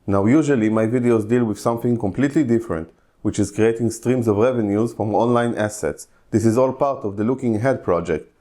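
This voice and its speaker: An Israeli man around forty, with an Israeli accent, hosts his own channel and delivers a casual opinion monologue in a loose, chatty way. His fairly low, dark-toned voice moves fairly quickly, and he says "you know" a lot, repeating points for emphasis.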